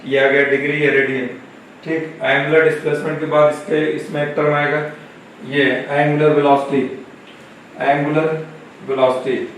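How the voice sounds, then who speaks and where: A male physics teacher with a Marathi-influenced Hindi accent giving a slow, repetitive classroom lecture, asking questions and answering them himself. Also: on the high side, flat delivery, a bit bright. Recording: echoey classroom, camera far off, faint noise.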